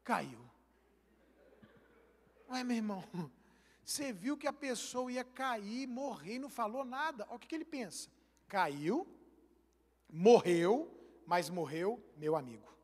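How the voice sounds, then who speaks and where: A man with a Brazilian Portuguese accent preaching a sermon as pastor, telling stories in an animated way and acting out the dialogue. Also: high voice, measured pace, long pauses. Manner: animated storytelling, acts out dialogue. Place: large church hall. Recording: long church hall reverb.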